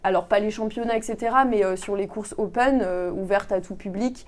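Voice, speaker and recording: A young woman talks through her subject in a relaxed interview, pausing often and filling gaps with small hesitations. Her voice sits at an ordinary middle pitch, and her delivery is patient and explanatory. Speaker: guest, amateur triathlete. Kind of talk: conversational explaining.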